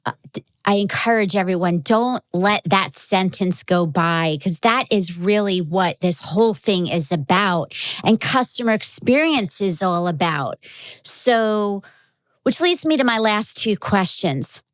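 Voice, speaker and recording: A woman's voice: mid-range voice, animated, a little slow, dry recording. A woman hosting a podcast interview, encouraging and affirming her guest. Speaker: podcast host.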